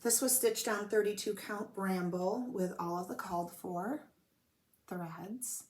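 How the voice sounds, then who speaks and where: A woman's voice: medium pitch, measured pace. A woman hosting a home stitching show, chatting casually and rambling a little while she fights a cold. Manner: chatty, rambling, self-deprecating. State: coughing from a cold. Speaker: flosstube host. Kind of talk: casual show-and-tell chat. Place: home room with blanketed windows.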